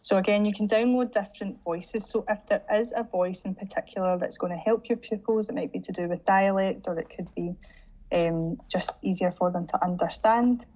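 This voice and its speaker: A woman trainer talking teachers through a software tutorial while sharing her screen, chatty and full of "again" and "um". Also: mid-range voice, fairly even intonation, normal speed. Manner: chatty, leans on "again" and "um" as she demonstrates. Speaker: digital learning trainer. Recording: dull lo-fi audio with faint hiss.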